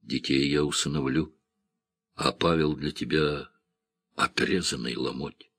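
A man's voice: rumbling low, fairly even intonation, measured pace, creaky, fairly bright tone, husky, dry recording, studio quality, pitched below the performer's own voice, full character voice. A man reading the part of an earnest, lovesick village electrician, pleading and sincere.

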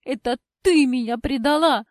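A woman voicing a bitter young woman who accuses her former friend of betrayal, in a shrill, tearful, indignant tone. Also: moderate pace, no echo, clean studio sound, natural voice. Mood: resentful. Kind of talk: audiobook character voice.

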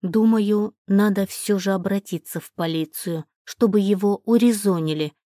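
A woman reading a first-person story aloud in a steady, measured way. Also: mid-range voice, no room sound. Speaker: narrator. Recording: dry close recording.

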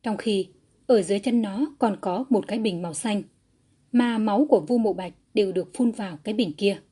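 Mellow, husky woman narrator. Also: medium pitch, a little fast. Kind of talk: audiobook narration of a historical fantasy novel.

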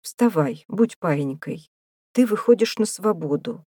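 Woman doing a gruff mocking prison warder. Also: mid-range voice, expressive, a little slow, dark tone, dry recording, studio quality. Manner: rough, taunting, bossy.

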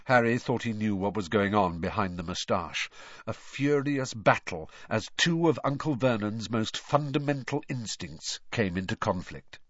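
A male narrator reads the story with a lively, wide-ranging pitch in a mid-range voice. The recording is close and dry, with a slightly dull, muffled top end. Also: dry recording. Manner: expressive storytelling. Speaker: audiobook narrator. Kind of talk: scripted narration.

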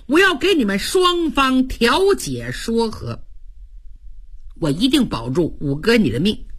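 A woman's voice: a little high, big pitch swings, unhurried, slightly rough, full character voice. A woman voicing a sly, cocky young male general who taunts his rival in a storytelling broadcast. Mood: placating. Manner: smug, taunting.

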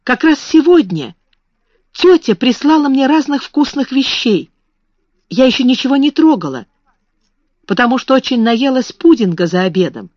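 Lady doing a shy sweet dim little girl, higher pitched, plaintive, slow, muffled dry recording. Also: big pitch swings, a little mellow, no room sound. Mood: excited. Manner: timid, plaintive. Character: timid kind slow-witted young girl. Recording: dull, slightly muffled recording.

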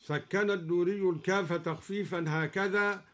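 A high-pitched man with an Egyptian accent, steady and fairly bright in tone, speaks as a Quran scholar on live radio. He moves between plain explanations of reading variants and slow, melodic chanting of each verse, captured in a live broadcast recording.

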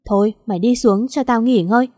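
A woman voicing a bossy, gruff young rich master who gives curt, scolding orders. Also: fairly high pitch, fairly quick, warm tone, dry recording, clean studio sound, lightly acted.

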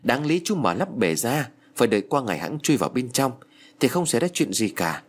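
A man voicing a calm middle-aged neighbor who explains things in a matter-of-fact way. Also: medium pitch, brisk, slightly rough. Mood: explaining.

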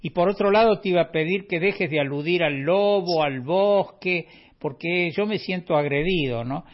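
A man's voice: a little high, normal speed. A man hosting a radio show in a casual, wry way, often tagging his remarks with questions. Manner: chatty, wry, with frequent tag questions. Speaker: radio host. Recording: dull lo-fi radio feed.

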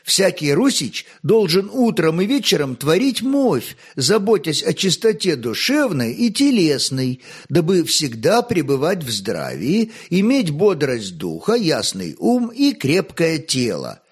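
A man's voice: on the high side, wildly swooping pitch, unhurried, few pauses, slightly rough, heavily acted. A man reading aloud, voicing an earnest, studious boy prince who recites his answers like a lesson.

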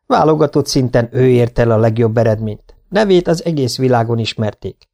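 A man narrating an audiobook in a steady storytelling manner. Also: mid-range voice, gravelly. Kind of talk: scripted narration.

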